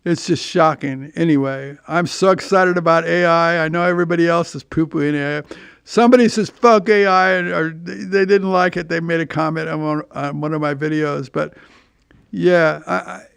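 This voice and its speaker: Gravelly, high-voiced older man rambling. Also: steady tone, normal speed, a bit bright, no room sound. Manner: rambling, profane, repeats words. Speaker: podcast host. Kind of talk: casual monologue.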